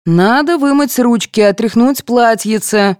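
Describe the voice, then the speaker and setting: A woman voicing a soft, indulgent mother who fusses and apologizes for her children in an audiobook. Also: fairly high pitch, unhurried, clean tone, dry recording, studio quality, voice pushed up, close to an everyday voice. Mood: fussing. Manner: fussing, apologetic.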